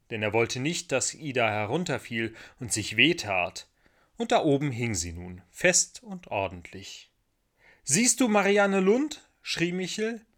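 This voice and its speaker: A man with a mid-range voice reads a children's story aloud, telling it in a gentle and expressive way.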